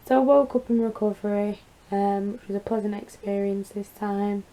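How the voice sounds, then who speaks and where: A woman with a croaky, creaky voice after surgery, chatting casually in a rambling, confiding personal vlog update. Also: mid-range voice, fairly even intonation, moderate pace, dark tone, low-quality recording. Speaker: vlogger.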